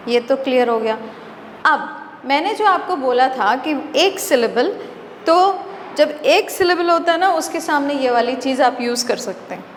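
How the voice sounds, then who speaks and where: Woman, Indian accent, English teacher, high voice, roomy echo, faint ambience. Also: a little hiss or hum. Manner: explains slowly and repeats words, with rhetorical questions. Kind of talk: classroom grammar lesson in Hindi and English. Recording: echoey hall, mic at a distance.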